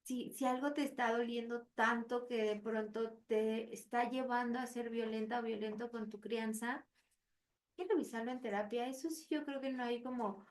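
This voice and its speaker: A woman with a Mexican Spanish accent, co-hosting a parenting podcast as a psychologist, telling stories in an animated way with acted quotes. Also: a little high, normal speed, distant mic. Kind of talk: casual podcast chat.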